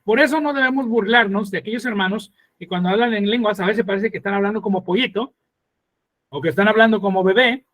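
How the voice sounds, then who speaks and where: Man pastor with a high voice preaching, dry close sound, earnest and slow at times. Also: a bit bright, no room sound. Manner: earnest, explains slowly with pauses; mimics mocking voices in a higher pitch. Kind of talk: sermon teaching.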